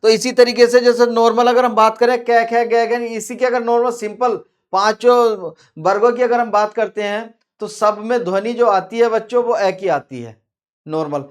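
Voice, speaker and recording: A man teaching a grammar lesson to pupils, slow and repetitive, drawing out sounds and asking his class questions. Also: extremely high pitch, steady tone, smooth.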